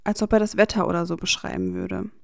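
Gravelly woman reading a story aloud. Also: medium pitch, very animated, fast, a little mellow, no room sound, studio quality. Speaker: reader of fan fiction. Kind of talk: audiobook narration.

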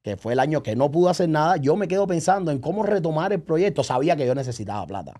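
Quick, very animated and slightly rough, this man's voice sits on the high side with a dark tone. Appearing as a podcast guest who promotes events, he spins casual stories by acting out recalled conversations and confirming the listener is with him.

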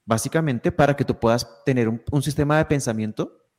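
A man talking as a podcast guest in an easy, reflective way. He explains his ideas step by step and often restarts his sentences. His pitch sits right in the middle for a man. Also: a little fast, a little mellow. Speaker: guest speaker. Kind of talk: conversational podcast talk.

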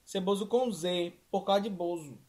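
A man's voice: sits high, normal speed, darkish tone. A young man, a co-host joking playfully and laughing often during a word game. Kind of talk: casual chat while playing a word game.

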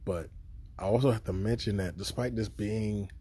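Deep-voiced man, casual profane reviewer. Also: moderate pace, slightly rough. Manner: loose, profane, rambling with excited bursts. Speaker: podcast reviewer.

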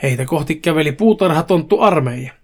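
A man hosting a podcast, reading a crude comic horror story aloud in a brisk, casual way. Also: a little high, expressive. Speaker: podcast host.

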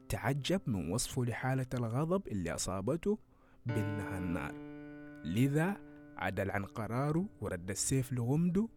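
A male podcast host talks calmly and reflectively, his pitch moving lively up and down as he explains. A guitar plays clearly under his voice throughout. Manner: calm, explanatory storytelling. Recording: guitar music behind voice. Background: guitar music.

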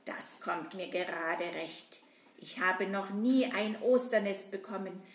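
A woman's voice: slow pace, close to an everyday voice. A woman voicing a scheming old witch who cackles, in a children's audio puppet play. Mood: gleeful scheming. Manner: shrill cackling laughter. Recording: roomy echo.

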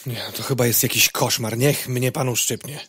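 A woman playing an excitable, hungry, whiny fly in a comic radio play, exclaiming and grumbling melodramatically. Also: extremely low pitch, moderate pace, slightly rough, no room sound, heavily acted. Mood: flustered. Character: hungry, whiny, excitable young female fly named Lena.

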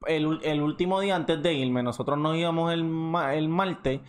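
A man's voice: on the high side, moderate pace, slight background noise. A man with a Puerto Rican accent, casually bantering and telling personal stories with informal, sweary talk as a podcast co-host.

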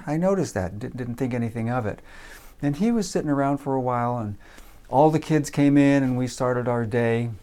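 A man telling a personal story in a relaxed, casual way, with frequent fillers. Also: mid-range voice. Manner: relaxed, many uh fillers, acts out voices in quotes.

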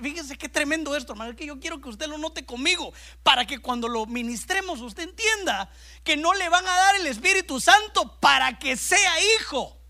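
A man preaching a sermon as pastor to a congregation in a church service. He is animated, swinging between loud bursts and hushed asides, and keeps calling his listeners brother. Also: extremely high pitch.

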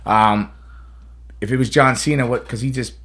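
A man's voice: mid-range voice, fairly even intonation, normal speed, over a noisy crowd. A man hosting a casual chat in a rambling storyteller's way. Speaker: podcast host, pro wrestler.

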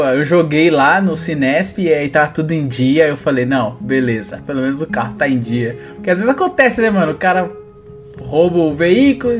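A young man with a Brazilian Portuguese accent, joking and swearing casually as he banters on a podcast. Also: a little high. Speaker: podcast co-host. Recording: music behind the voice.

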